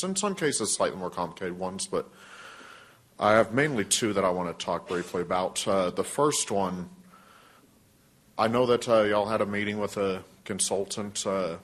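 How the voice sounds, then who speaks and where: A young man giving a public comment at a council podium, lecturing with many hesitations. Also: lowish voice. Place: city council chamber.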